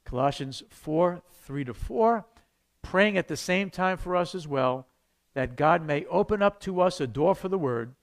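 Animated New pastor teaching a class. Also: male voice, a little high, a little slow. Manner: conversational, animated with sudden loud bursts.

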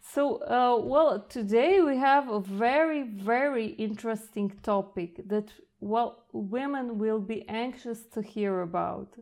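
A woman's voice: on the high side, slow, few pauses, a little mellow. A woman from Croatia hosting an interview, gushing and hesitant, with many fillers and restarts. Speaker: host.

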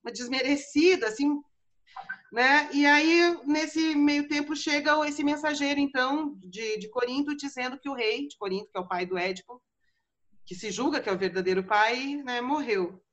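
A woman's voice: high voice, normal speed, a bit bright. A woman podcast host casually retelling a story, chatty with frequent fillers. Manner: chatty, many fillers like né and tal.

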